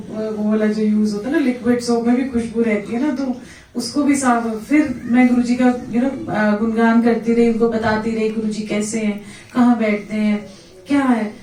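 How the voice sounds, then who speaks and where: Woman telling her satsang story, pretty animated, voice a bit high and mellow, far off in a really echoey room. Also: moderate pace, a little hiss or hum. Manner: animated storytelling, acts out her own remembered lines; code-mixes English words. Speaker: satsang speaker. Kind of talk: devotional testimony sharing. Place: devotional gathering in a home hall.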